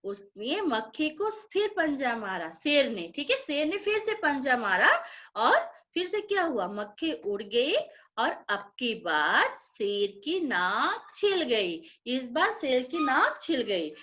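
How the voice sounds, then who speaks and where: Slow, lively woman teacher. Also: high voice, dull audio. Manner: explaining, asking and answering her own questions. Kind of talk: reading a story aloud to children.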